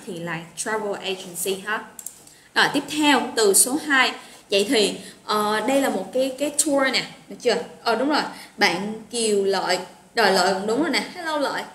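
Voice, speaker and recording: A woman with a higher, fairly bright voice teaches an English vocabulary lesson online, chatty and encouraging as she greets students by name. The recording has a roomy echo and faint noise.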